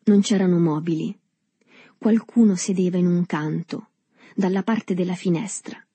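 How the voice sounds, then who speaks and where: Brief: husky female narrator, calm and measured, dry close sound. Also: lowish voice, no room sound. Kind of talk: audiobook reading of a novel.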